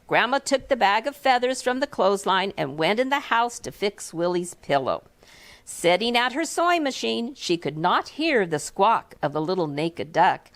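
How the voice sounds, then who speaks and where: A woman author reads her picture book aloud to young children in a school classroom. Her delivery is expressive and animated, with the pitch swooping widely, sitting at an ordinary middle height.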